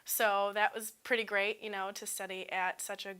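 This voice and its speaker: Young female student, twenties, crisp bright tone, casual upbeat testimonial delivery. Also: medium pitch, flat delivery, normal speed. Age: 20s. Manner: upbeat, casual, frequent ums and likes. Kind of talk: unscripted testimonial.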